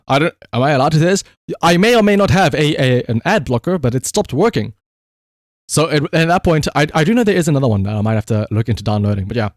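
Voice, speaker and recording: This is a man livestreaming, his high-pitched voice recorded dry at studio quality. He chats and rambles casually to viewers, swearing liberally in a spirit of playful exasperation.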